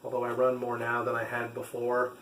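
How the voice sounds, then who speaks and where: An echoey room recording with faint background noise carries a man's voice at an average pitch. He talks casually to camera like a hobby vlogger reviewing gear. His explanations ramble a little and come with hesitations. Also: completely flat delivery, fairly quick, fairly bright tone. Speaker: vlogger and trail runner.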